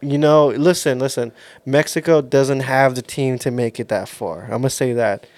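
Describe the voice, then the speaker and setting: A man's voice: mid-range voice, steady tone, moderate pace, a little mellow, no echo. A young man co-hosting a casual podcast, talking loosely with slang and swearing, often trailing off mid-thought. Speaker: podcast co-host. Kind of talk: casual chat.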